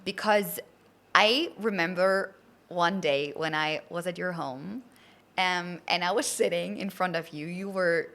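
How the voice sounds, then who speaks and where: Speaking unhurriedly in a lowish, fairly bright voice, a woman hosts a podcast. Her interview chat is casual and enthusiastic, with an effusive, complimentary manner.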